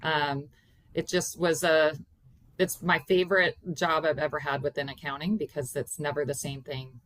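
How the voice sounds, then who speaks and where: Lower-pitched woman giving interview answers. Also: flat delivery, moderate pace, a bit bright, no room sound. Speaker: guest, accounting consultant. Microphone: video call.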